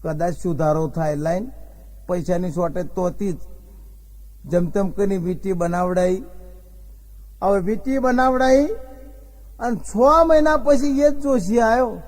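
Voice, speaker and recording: Man, high voice, stand-up comedian, folksy joke-telling, acts out dialogue. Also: a little slow, long pauses, darkish tone. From Gujarat, India. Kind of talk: comic storytelling on stage.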